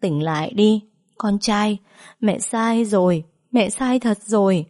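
A woman's voice: mid-range voice, slow pace, darkish tone, pitched above the performer's own voice, lightly acted. A woman voicing a grieving older woman who sobs and pleads with her unconscious son. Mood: sobbing plea. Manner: sobbing, pleading.

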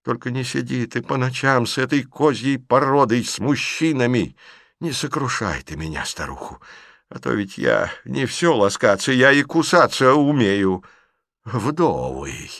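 A man voicing a sharp-tongued, blunt elderly aunt who scolds her niece in an audiobook reading. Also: mid-range voice, sing-song, unhurried, no echo, clean studio sound, voice pushed up. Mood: grumbling.

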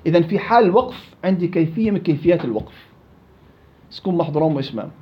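Quick, high-voiced teacher. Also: male voice, lively intonation. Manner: explains by repeating and contrasting rules. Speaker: Quran recitation teacher. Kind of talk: classroom tajweed lesson. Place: classroom with students. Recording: muffled lo-fi recording.

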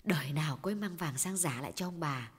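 A wary middle-aged housemaid, voiced by a male storyteller speaks softly and hesitantly, with a husky edge. She sounds uneasy and deferential. The voice has a roomy echo. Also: fairly high pitch, lively intonation, fast talker, voice pushed up. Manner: timid, hesitant. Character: cautious middle-aged woman servant.

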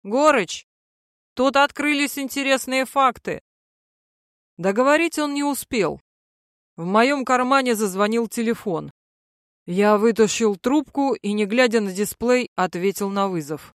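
A woman's voice: mid-range voice, expressive, moderate pace, no room sound, clean studio sound. A woman reading a first-person comic novel aloud in a wry, mocking storytelling manner. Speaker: audiobook narrator.

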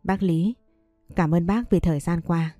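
A woman's voice: lowish voice, a little slow, dark tone, no echo, studio quality, soft background music, natural voice. A woman voicing a grieving young woman, an older sister who speaks in a restrained, coaxing way.

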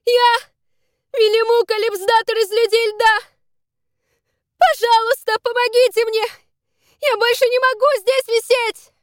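A woman's voice: extremely high pitch, moderate pace, long pauses, darkish tone, dry recording, studio quality, pitched above the performer's own voice. A woman voicing a desperate young woman clinging over a cliff, pleading and sobbing in an audiobook.

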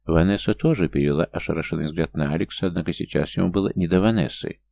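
A man's voice: quick pace, creaky, dark tone. A man narrating a fantasy story as an audiobook reader, voicing all the characters himself. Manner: reads every character's lines himself, lifting his pitch for younger or smaller figures.

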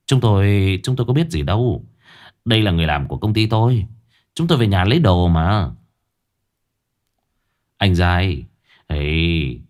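A man's voice: low-pitched, pitched below the performer's own voice. A man voicing a sly, smirking young man who brushes off accusations mockingly.

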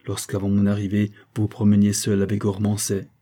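Man playing a stern jealous forester, commanding tone, dark voice. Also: on the low side, monotone, fairly quick, close to an everyday voice. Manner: severe and commanding.

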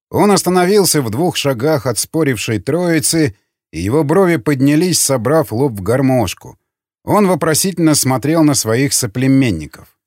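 A man narrating an audiobook in an expressive reading voice. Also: medium pitch, dry recording, clean studio sound. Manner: expressive, voices many characters.

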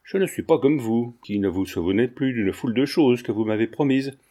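A man voicing a sharp-tongued proud countess. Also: mid-range voice, a little fast, natural voice. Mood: demanding. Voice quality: curt, demanding.

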